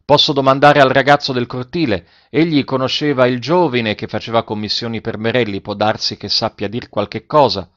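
A man reading aloud and voicing a brisk, matter-of-fact female shopkeeper. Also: medium pitch, fairly even intonation, fairly bright tone, lo-fi sound, close to an everyday voice. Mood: kindly.

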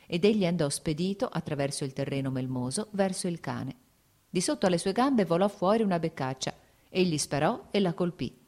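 A woman reading a classic novel aloud as an audiobook, steady and measured. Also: fairly low pitch. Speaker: audiobook narrator.

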